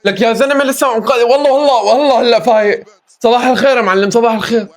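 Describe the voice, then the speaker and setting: A hoarse young man with a Levantine Arabic accent, hosting a live football match reaction and exclaiming at every chance. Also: extremely high pitch, rapid-fire. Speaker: football reaction video host.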